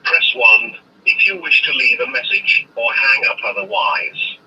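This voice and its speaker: A man's voice: mid-range voice, animated, pushed and bright, slight background noise. Automated male voicemail voice over phone. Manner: measured, formal recorded-announcement phrasing. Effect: automated voicemail greeting heard through a landline phone. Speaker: voicemail system announcement. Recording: tinny phone line, distant from the mic.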